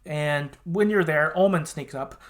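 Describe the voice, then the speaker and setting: A podcast host, male, with a fairly high-pitched voice and a slightly slow delivery. He's chattily retelling a game's story in casual, sometimes sweary language, tossing in loose colloquial asides.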